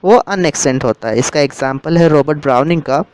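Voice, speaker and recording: A man's voice: on the high side, a little fast, darkish tone, clear, resonant tone, low-quality recording. A man teaching a literature lesson, explaining terms step by step and rephrasing them as he goes.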